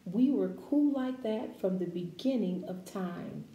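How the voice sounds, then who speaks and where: At children's story time, a woman with a medium-pitched voice reads a picture book aloud, expressive and deliberate, adding casual asides and questions for the young listeners. The highs are cut off, and the room echoes over faint background noise.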